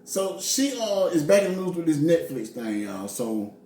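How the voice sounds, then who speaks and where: A man co-hosts a casual commentary chat, loose and joking, often restarting his sentences. His voice sits a little high. He is recorded from some distance in an echoey room with a faint hiss behind. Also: very animated, normal speed, mellow. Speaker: co-host.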